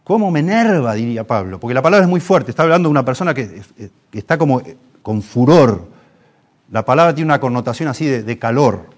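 A man's voice: medium pitch, lively intonation, quick pace. A man with a Rioplatense Spanish accent preaching a sermon, impassioned, pushing his voice up for emphasis and restarting phrases as he goes.

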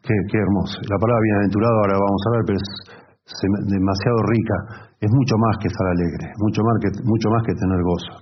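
Deep-voiced Argentine preacher. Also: male voice, fairly even intonation, fast talker, lo-fi sound, a little hiss or hum. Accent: Argentine Spanish. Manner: earnest, teaching, with frequent "¿no?" and "¿sí?" checks. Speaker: pastor and marriage counselor. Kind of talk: sermon.

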